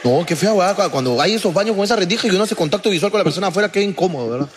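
A man's voice: high voice, expressive, slight background noise. A young man hosting a comedy podcast, teasing and crude in casual chat. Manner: teasing, crude, quick-witted.

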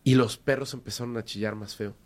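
Mexican man, casual animated storyteller, hesitant, repeats himself for emphasis. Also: mid-range voice, a little fast. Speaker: guest telling a story.

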